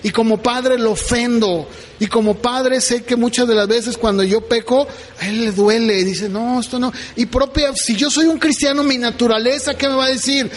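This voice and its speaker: A middle-aged pastor preaches with a strikingly high voice. He keeps it conversational and keeps checking that his listeners follow him. His words ring out with the long reverb of a church hall. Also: fairly even intonation, moderate pace, hardly any pauses, slight background noise. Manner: conversational preaching with frequent "¿verdad?" asides. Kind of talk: sermon.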